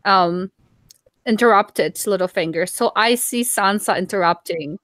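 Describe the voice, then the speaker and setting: A woman in a casual group call, thinking aloud with halting restarts. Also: medium pitch, a bit bright, no echo. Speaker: panel guest.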